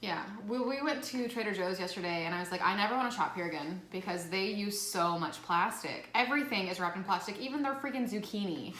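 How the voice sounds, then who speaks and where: A woman's voice: medium pitch, brisk, few pauses, fairly bright tone. A woman with a Southern US accent hosting a casual food vlog, chatting with lots of fillers. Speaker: vlog host. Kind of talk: casual chat. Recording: echoey room, faint noise.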